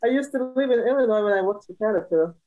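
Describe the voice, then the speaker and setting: A woman's voice: medium pitch, lively intonation, very fast, dark tone, lo-fi sound. A woman from Cameroon, a musician guest in a casual interview, talking cheerfully and laughing often.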